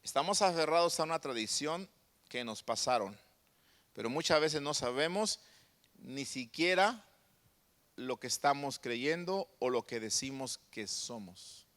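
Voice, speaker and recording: A man's voice: mid-range voice, animated, measured pace, a bit bright. A man preaching a sermon emphatically, asking his listeners question after question. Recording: long hall reverb.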